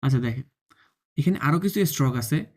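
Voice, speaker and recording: A Mandarin teacher, giving an online lesson, repeating each sound slowly, showing tongue and breath, and often asking whether the learner follows. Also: mid-range voice, animated. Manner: drills sounds by slow repetition, often checks understanding; demonstrates tongue and breath on camera.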